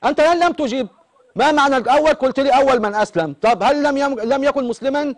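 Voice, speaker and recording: A man's voice: extremely high pitch, rapid-fire. A male TV host with an Egyptian accent who keeps pressing a caller with insistent questions on a live call-in show. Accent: Egyptian Arabic.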